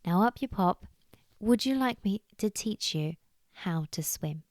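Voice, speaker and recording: A woman voicing a small, kind female water vole in a storybook, speaking gently and patiently. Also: mid-range voice, animated, measured pace, no echo, clean studio sound, close to an everyday voice.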